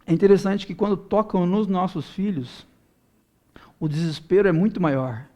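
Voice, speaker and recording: High-voiced man preaching an earnest sermon. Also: moderate pace. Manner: earnest preaching, swelling loud in prayer-like pleas. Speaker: pastor.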